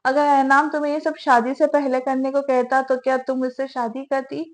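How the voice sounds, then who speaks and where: A brooding young man from a romance novel audiobook, as a woman reads him, sulky and sarcastic. His lines come out irritated, in a high voice. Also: level tone, lightly acted.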